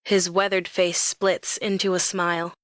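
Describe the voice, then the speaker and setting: Brief: young woman, romance audiobook narrator, lively and expressive, close dry read. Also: fairly low pitch, unhurried, no room sound.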